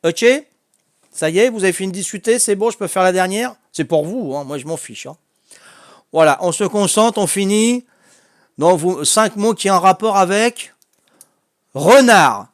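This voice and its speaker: A chatty man with a Corsican French accent runs a casual family quiz, laughing often as he goes through everyone's answers. His voice sits a little high for a man. The sound is dry and close, with almost no room echo. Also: moderate pace. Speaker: quiz host.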